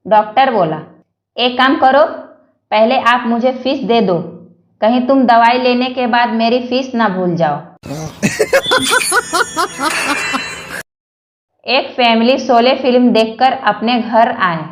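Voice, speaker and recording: A woman narrating a string of short jokes in an unhurried storytelling way. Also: on the high side, background noise. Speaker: joke narrator. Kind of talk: reading Hindi jokes aloud. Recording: roomy echo.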